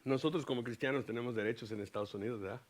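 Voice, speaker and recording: A man's voice: medium pitch, very fast. A man preaching as pastor, teaching a Bible passage and dropping English words into his Spanish. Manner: animated, mixes English words into Spanish, acts out Paul's lines. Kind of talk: bilingual Bible teaching sermon. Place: US church.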